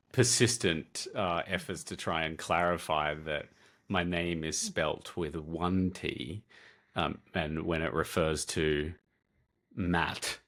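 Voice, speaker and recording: A man co-hosting a casual podcast, speaking in a measured, reflective way with fillers. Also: sits low, a bit bright. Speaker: podcast co-host.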